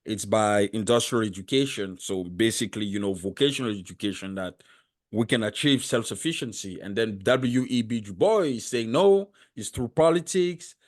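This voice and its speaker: A podcast host who learned English as a second language argues his points earnestly during a casual interview chat, building them step by step. He often restarts sentences and repeats words, speaking in a lowish voice at a moderate pace.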